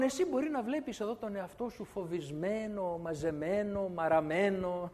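A man preaching a sermon, reading scripture in formal old Greek and swinging between loud emphatic lines and soft, quiet ones. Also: extremely high pitch. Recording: long reverb of a large hall.

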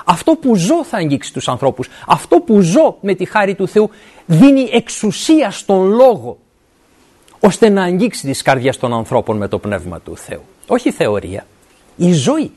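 A middle-aged preacher delivers a sermon, and the pitch rises and falls in wide, animated swings. The delivery is earnest and plain-spoken, with frequent pauses to check that listeners follow and with scripture quoted along the way. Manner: earnest, often stops to ask "right?" and quotes scripture. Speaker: university academic.

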